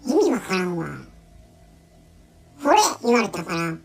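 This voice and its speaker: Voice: medium pitch, animated, unhurried, faint music behind. Chatty Kansai chihuahua girl. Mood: grumbling. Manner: chatty, complaining, naive. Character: dim, sweet female chihuahua puzzled by dialect. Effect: talking-pet app voice changer. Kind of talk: comic pet voice-over.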